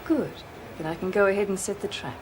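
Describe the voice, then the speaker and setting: A woman's voice: mid-range voice, a little fast, background noise, lightly acted. An actress playing a cold, terse, scheming female inmate in a television prison drama. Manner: terse, surly.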